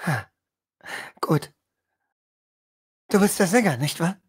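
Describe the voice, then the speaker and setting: A woman's voice: fairly low pitch, expressive, slow pace, husky, full character voice. Woman putting on a snobbish young noble lady. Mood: pleased. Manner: arrogant, scolding, commanding.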